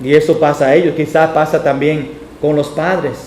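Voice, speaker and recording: High-voiced pastor preaching in an echoey church. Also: male voice, steady tone, moderate pace, darkish tone, slight background noise. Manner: storytelling, acting out quoted voices. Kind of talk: sermon. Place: church sanctuary.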